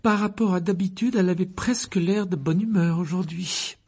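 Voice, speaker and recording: A man voicing a clever, earnest schoolgirl with a quick, slightly prim manner. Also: high voice, darkish tone, breathy edge, voice pushed up.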